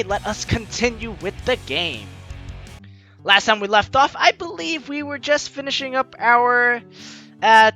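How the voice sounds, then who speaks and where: A young adult let's player hosts a game series, bringing bright, forceful energy to a story game. He chats playfully and reads dialogue aloud with drama, his pitch swinging widely as music plays in the background.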